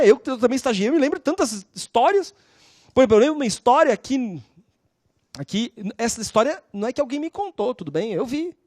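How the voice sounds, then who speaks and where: Sao lady law teacher, keeps asking the class if they're following, high bouncy voice. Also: no room sound, studio quality. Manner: constantly checks in with the class; animated, acts out scenes. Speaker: law lecturer. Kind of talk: lively storytelling lecture.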